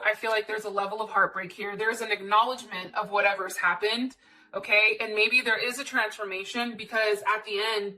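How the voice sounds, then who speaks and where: A woman hosting a channel gives a casual, candid tarot reading, chatting informally, repeating phrases for emphasis, and swearing mildly. Her voice is fairly high with a sharp tone. The mic is distant, with background noise and clicks.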